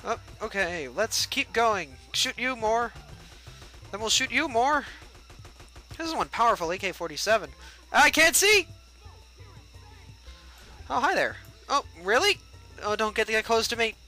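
A man's voice: high-pitched, lively intonation, moderate pace, sharp tone, faint music behind, rough recording. A young man giving casual, joking let's-play commentary and chatting at the game's characters. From United States. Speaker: gameplay livestreamer.

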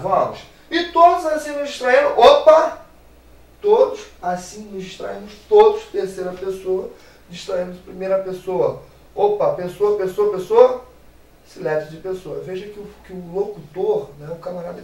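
A fairly high-voiced man teaches a grammar lesson in a playful, animated way, tossing in English cheers as he works through exercises. He sounds some way off the mic in a roomy space with a clear echo. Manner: lively, playful, drops English exclamations. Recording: echoey room, mic at a distance.

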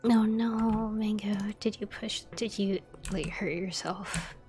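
A woman's voice: medium pitch, slow, darkish tone, soft background music. A woman streamer in a whispered gaming livestream, mostly whispering as she chats with viewers while playing. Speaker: ASMR streamer.

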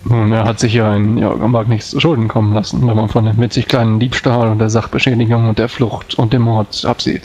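A man's voice: lowish voice, flat delivery, fairly quick, hardly any pauses, a little mellow. A man playing a tabletop role-playing game, talking in character with a dry, wry manner. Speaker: role-play player. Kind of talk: improvised in-character tabletop talk. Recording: dull band-limited sound, faint music.

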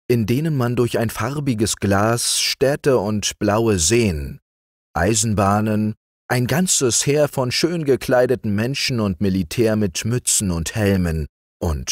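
A man reading fairy tales aloud as a calm bedtime audiobook narrator, close to the mic. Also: lowish voice, no echo. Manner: calm, measured storytelling.

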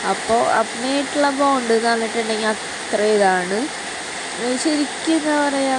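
Young woman, rambling fond vlog chat, noisy home recording. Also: medium pitch. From Kerala. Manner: rambling, fond, with many fillers. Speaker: family vlogger. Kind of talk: casual vlog narration.

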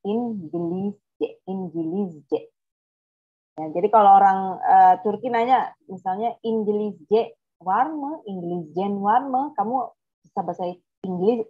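Slow, self-correcting woman teacher. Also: medium pitch, husky, phone-quality sound. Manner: thinks aloud, corrects herself, checks words mid-sentence. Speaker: Turkish language teacher. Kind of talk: online language lesson.

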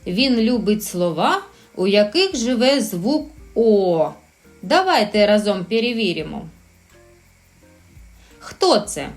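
With soft music in the background, a medium-pitched woman teaches a recorded lesson for preschool children. She speaks slowly and in a sing-song, encouraging way, drawing out her words and sounds.

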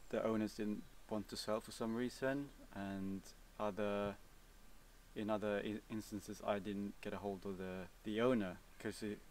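Young Swedish-accented man, casual and halting, level low delivery, recorded outdoors from a few feet away. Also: far from the mic, a little hiss or hum. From Sweden. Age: young adult. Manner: relaxed, hesitant, many fillers and restarts. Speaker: vlogger. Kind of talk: casual Q&A answers. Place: outdoors, seated on a cabin bench by woods.

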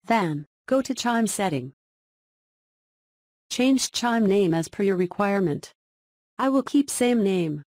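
A woman's voice: mid-range voice, expressive, slow, long pauses, darkish tone, no room sound, studio quality. A woman giving step-by-step instructional narration in short, segmented phrases. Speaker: software tutorial narrator.

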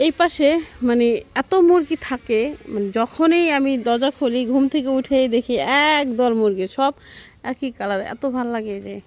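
A woman's voice: on the high side, a little mellow. Chatty woman vlogging at home. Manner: chatty, rambling, many fillers. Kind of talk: casual home vlog narration while cooking. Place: home kitchen and yard.

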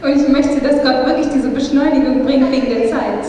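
Mellow-voiced woman interpreting a sermon. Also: sits high, fairly quick, slight background noise. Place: church stage. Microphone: handheld mic, far camera. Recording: echoey hall from far off.

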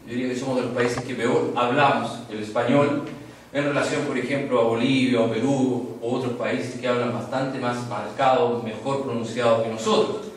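A Chilean voice and speech instructor with a Chilean Spanish accent teaches an online course on voice projection, demonstrating voices by shifting pitch and tension as he lectures. He speaks at normal speed with fairly even intonation, and the low-quality recording has heavy reverb, a distant mic, and a little hiss or hum.

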